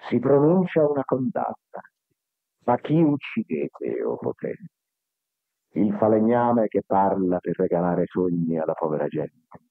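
A man giving a slow, declamatory spiritual discourse, heard from an old worn tape recording. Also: on the low side, creaky, no room sound. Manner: slow, deliberate, declamatory oratory. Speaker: spiritual speaker. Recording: tinny, thin 1970s tape recording.

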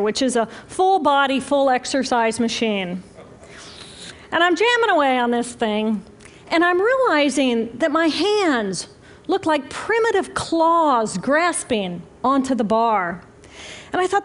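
High-voiced woman giving a lecture. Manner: slow, deliberate, emphatic phrasing with pauses. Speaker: brain scientist giving a talk. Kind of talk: public lecture.

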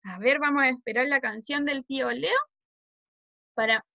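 A woman's voice: high-pitched, normal speed, creaky, bright, forceful tone, no echo, highs cut off. A woman with a Chilean Spanish accent teaching preschoolers, coaxing them with questions. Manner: coaxing, asks the children questions. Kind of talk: class for small children.

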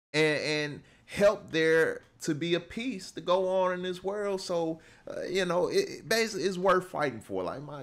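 A Southern man from the American South talks casually to viewers as a movie reaction streamer, full of fillers and restarts. His voice sits on the high side with a fairly bright tone.

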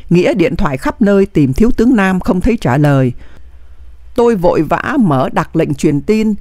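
Lively, emotive memoir reader. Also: mid-range voice, no room sound, clean studio sound. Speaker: audiobook reader. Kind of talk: dramatic memoir reading.

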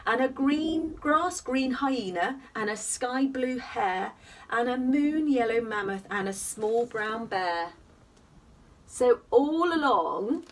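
Recorded from a little way off by a camera in her small home attic, this high-voiced woman tells a picture-book story for young children. Her delivery is lively and singsong, and she keeps posing questions to the listener.

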